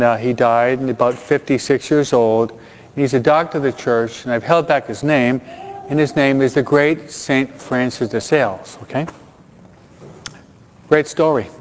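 A man preaching a sermon in a chatty way, often checking in with his listeners and dropping Spanish words into his English. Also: medium pitch. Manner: conversational, keeps checking in with the listeners. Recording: dull sound with long hall reverb.

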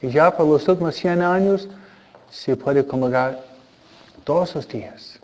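Priest, man; slow, questioning catechism talk to kids, acts out small dialogues; muffled recording. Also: a little high. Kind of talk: catechism talk to children and parents. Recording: dull lo-fi recording.

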